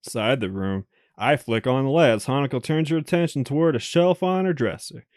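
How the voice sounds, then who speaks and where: A man's voice: medium pitch, fairly quick, a little mellow, no room sound, studio quality. A man hosting a let's play, reading a visual novel's narration aloud with amused laughs between passages. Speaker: let's play host reading the game text.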